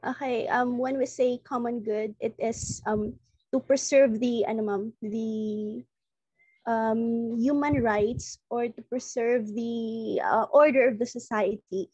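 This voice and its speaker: Woman student, higher voice, halting, dry sound. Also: steady tone, darkish tone, dry recording, rough recording. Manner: hesitant, many fillers.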